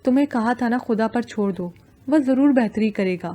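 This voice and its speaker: A woman voicing a gentle, supportive young male friend who talks in a coaxing, reassuring way. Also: on the high side, lightly acted.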